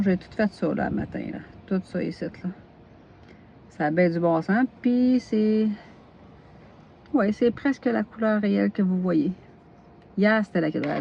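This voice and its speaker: A woman's voice: medium pitch, vocal fry, lo-fi sound, a little hiss or hum. A woman in her forties with a Québécois French accent, chatting casually about her knitting while waiting in a parked car, rambling and repeating herself. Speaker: knitting vlogger. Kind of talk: casual chat.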